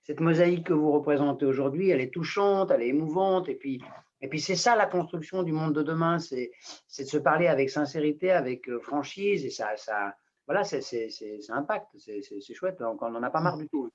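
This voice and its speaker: A man's voice: on the high side, fairly quick. A man moderating a webinar, offering praise that trails off. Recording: dull lo-fi audio.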